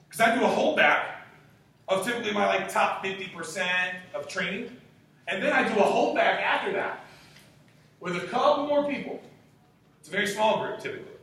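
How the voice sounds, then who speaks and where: Speaking at normal speed with long pauses, a man in his twenties delivers a sales training talk in a high, bright and forceful voice. He's emphatic and punchy with the group, asking rhetorical questions and swearing casually, all captured on a distant mic in a very echoey room with faint hiss.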